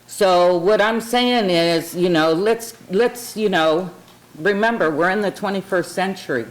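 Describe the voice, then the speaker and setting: A woman's voice: on the low side, a little slow, rough recording. A woman from California making an informal public comment in an earnest, conversational way, repeating words for emphasis. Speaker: public commenter at a city council meeting.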